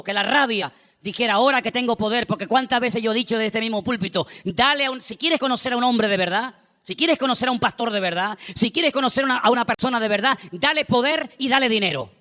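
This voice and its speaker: A man preaching from a church pulpit, his voice pitched high for a man and swinging through lively, dramatic turns. He breaks into the voices of biblical figures and jokes with his listeners. His words ring with the long reverb of a church hall. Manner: animated preaching, acting out biblical voices, asides to congregation. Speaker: pastor. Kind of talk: sermon.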